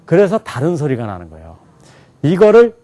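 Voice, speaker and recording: A man's voice: a little high, very animated, fairly quick, dark tone. A man teaching a lecture to a live class. He keeps asking the students questions and then answers them himself. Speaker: English teacher.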